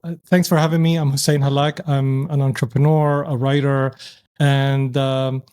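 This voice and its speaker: A man's voice: mid-range voice, level tone, normal speed, darkish tone, clear, resonant tone. A man from Syria, an entrepreneur, speaking reflectively as a podcast guest, often restarting his sentences. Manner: reflective, thoughtful, with frequent restarts. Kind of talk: casual interview.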